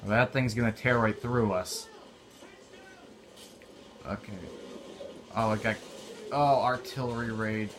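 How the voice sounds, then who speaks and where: A man's voice: on the low side, steady tone, slow pace, pauses often. A young man giving casual, offhand commentary while playing a war video game. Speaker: gameplay commentator. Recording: noisy game audio behind.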